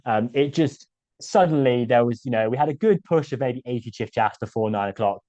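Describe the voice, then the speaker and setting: Male guest speaker, mid-pitched, hesitant and chatty with lots of fillers, dry close sound. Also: fairly quick, dark tone, no echo, highs cut off. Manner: hesitant, many fillers and restarts. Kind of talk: casual illustrated talk.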